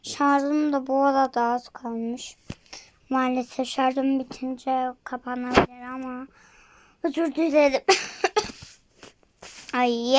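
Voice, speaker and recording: A hoarse woman talking casually to viewers while playing a tablet game at home, often pausing to apologize. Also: high voice, flat delivery, a little hiss or hum. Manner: chatty, apologetic asides to viewers. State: hoarse, voice giving out. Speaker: gaming channel host. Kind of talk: casual mobile game commentary. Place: home bedroom. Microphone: tablet microphone.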